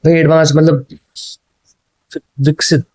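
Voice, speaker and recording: Slow and flat, with a slightly high but darkish voice, this man prepares students for exams, blending Hindi with English, going over answers again and repeatedly checking "ठीक है?". His coaching explanations are captured on a rough, dry close mic without any room sound.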